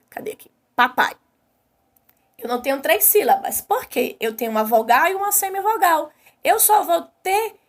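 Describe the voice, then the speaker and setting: A woman teacher with a Brazilian Portuguese accent giving an online class to young children in a sing-song way, stretching key words slowly and putting questions to the class. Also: sits high, fairly bright tone.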